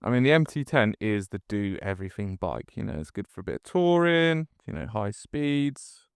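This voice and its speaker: A British motovlogger rambles casually while riding outdoors, recorded on a noisy helmet mic with engine hum and road noise behind him. Yet his fairly low, sing-song voice at a moderate pace is described as clear and resonant, with no echo and clean studio sound.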